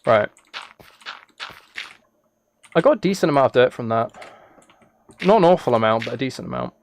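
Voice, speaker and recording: Playing a game on livestream, this host keeps up casual, playful, teasing chat with viewers and drifts off into rambling asides. His medium-pitched voice is very animated at a moderate pace, with clear noise carrying key clicks and typing.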